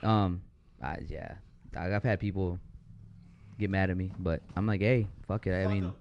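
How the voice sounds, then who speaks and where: A man's voice: deep voice, fairly even intonation, normal speed, gravelly, highs cut off, a little hiss or hum. A man, a DJ guest on a podcast, talking in a laid-back, profane, rambling way. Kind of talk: casual interview chat.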